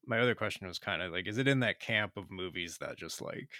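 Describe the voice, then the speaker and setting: Pennsylvania guy co-hosting, lowish voice, rambles w lots of likes and ums, dry mic. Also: fairly quick, sharp tone, dry recording. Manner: rambling, full of fillers, questioning. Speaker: podcast co-host. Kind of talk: casual film discussion.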